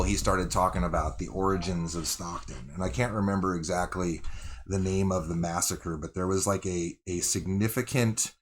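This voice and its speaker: A man with a very low voice hosts a loose, casual interview. He reacts with quick one-word replies and then rolls into relaxed stories of his own. His delivery stays easygoing. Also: a little hiss or hum. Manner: laid-back, chimes in with quick reactions and asides. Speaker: podcast host.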